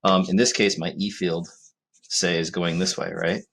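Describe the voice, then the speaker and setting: A man's voice: deep voice, little pitch movement, normal speed, a bit bright, slight background noise. A man talks through a physics lesson. His delivery is conversational, with fillers and frequent "right?" prompts to the student. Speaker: physics teacher. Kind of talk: recorded classroom lecture.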